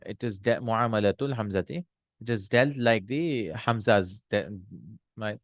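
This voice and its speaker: A man teaching an Arabic textbook lesson. He reads Arabic lines quickly, then translates and explains them slowly in with many pauses and restarts. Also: lowish voice, no echo.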